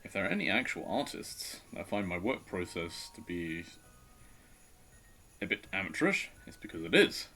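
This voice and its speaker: Deep-voiced man chatting while drawing. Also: very animated, moderate pace, sharp tone. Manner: self-deprecating, chatty, thinking aloud. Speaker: streamer. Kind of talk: casual live-stream commentary while drawing.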